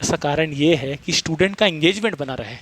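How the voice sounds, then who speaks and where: A man teaches physics at a rapid clip, constantly quizzing his class. His voice sits fairly high for a man. The recording is close and dry. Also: animated, a bit bright, no echo. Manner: fast-talking, quizzes students, mixes Hindi and English terms. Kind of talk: classroom lecture.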